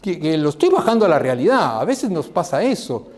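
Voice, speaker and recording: Man, middle-aged, seminary teacher, mellow, slightly high voice, animated. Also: fairly quick. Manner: animated, acts out quoted voices in a raised pitch. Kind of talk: leading a class discussion.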